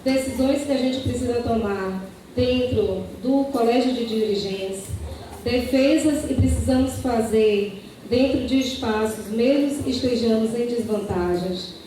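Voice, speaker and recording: A woman speaks in a mid-pitched, warm, mellow voice, measured and formal, and she often tags her sentences with "né". She sounds distant from the mic in a strongly echoing room with faint noise around her. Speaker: campus director candidate. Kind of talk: debate opening statement. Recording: echoey room, voice picked up from far off.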